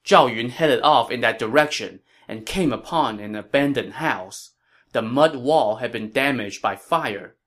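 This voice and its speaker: A man narrating a historical tale in a measured, dramatic storytelling manner. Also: mid-range voice, fairly bright tone.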